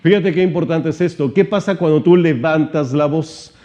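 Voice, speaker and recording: A man giving an animated seminar-style teaching talk, shifting his volume and pitch and asking many rhetorical questions. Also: normal speed, dull audio. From Mexico. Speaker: motivational trainer.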